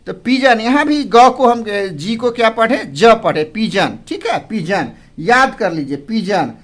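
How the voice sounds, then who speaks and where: A man's voice: sits high, sing-song, unhurried, fairly bright tone. A middle-aged man teaching English pronunciation, repeating words and asking and answering his own questions. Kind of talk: classroom pronunciation lesson.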